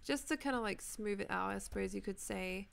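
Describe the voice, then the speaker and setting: A young Australian woman in her twenties talks casually with her viewers as she plays, rambling from topic to topic. Her voice has a gravelly fry at the ends of phrases, yet stays smooth and clear. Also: medium pitch, a little fast. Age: 20s. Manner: chatty, rambling, answers viewers' comments. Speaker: Minecraft streamer. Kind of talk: casual chat while gaming.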